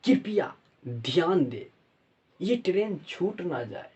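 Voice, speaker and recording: A high-voiced male train station announcer calling out over the intercom, put on by a man teaching a class. He repeats each phrase in a measured public-address cadence. The recording is muffled and lo-fi. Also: very animated, a little mellow, breathy edge, heavily acted. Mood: mock announcing. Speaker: physics teacher.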